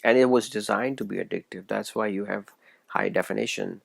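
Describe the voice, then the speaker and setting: Gravelly low-voiced man preaching. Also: fairly even intonation, fairly quick, no echo. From Pakistan. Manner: earnest and preachy, stumbles and restarts phrases. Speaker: video essayist. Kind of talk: solo religious commentary monologue.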